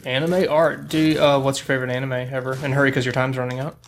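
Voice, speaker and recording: A man's voice: medium pitch, flat delivery, quick pace, creaky, a little hiss or hum. A man running a casual game stream and interviewing guests. He teases and jokes with a dry, playful delivery. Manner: joking, teasing interviewer. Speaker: stream host.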